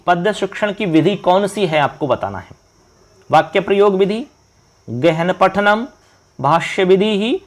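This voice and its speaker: A male exam-prep teacher from India, quizzing viewers through a model paper and reading out the answer options slowly. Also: sits high. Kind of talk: online exam-prep lesson.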